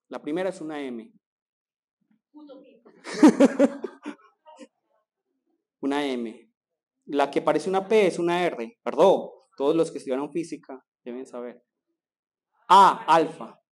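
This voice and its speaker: A man's voice: mid-range voice, normal speed, darkish tone. A man preaching a sermon as pastor, asking rhetorical questions and pressing his points with rising emphasis.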